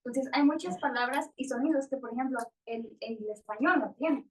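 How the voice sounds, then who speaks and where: Woman explaining slowly from afar. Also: high voice, recorded from a distance, slight background noise, low-quality recording. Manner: explanatory, slow and searching. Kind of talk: church Q&A talk.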